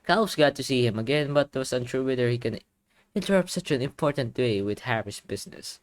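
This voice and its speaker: A gaming video creator with a mid-range voice talks fast, giving playful game commentary as he reads story text aloud. Between passages he reacts with animated exclamations, though his voice sounds a bit tired and strained.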